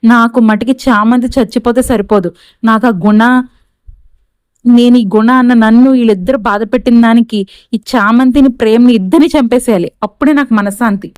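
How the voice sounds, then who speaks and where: A woman's voice: on the high side, steady tone, brisk, darkish tone, clear, resonant tone, dry recording, lightly acted. A woman voicing a scheming young man who plots a murder, talking in a persuasive, plotting way.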